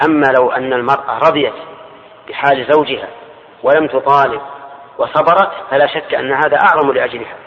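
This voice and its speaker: An older male Islamic scholar giving a measured religious lesson explaining hadith, repeating key phrases as he explains. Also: medium pitch. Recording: dull lo-fi archive recording in a large reverberant hall.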